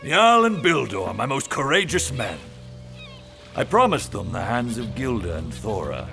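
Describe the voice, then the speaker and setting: A gravelly, bellowing Viking chieftain. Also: male voice, medium pitch, very animated, a little slow, bright, forceful tone, full character voice. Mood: boastful. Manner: bellowing, boisterous, laughs often. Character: boastful Viking chieftain, loud and domineering. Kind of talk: documentary drama reenactment. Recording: music and crowd noise behind.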